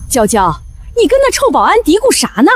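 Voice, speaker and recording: A woman's voice: high voice, huge pitch swings, a little fast. A middle-aged woman playing a snobbish, scornful rich mother-in-law in a short drama. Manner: haughty, scornful. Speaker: groom's mother.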